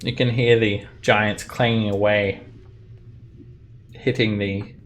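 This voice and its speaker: A man running an online tabletop game as game master, narrating casually with halting, improvised phrasing. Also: on the low side, little pitch movement, a little hiss or hum.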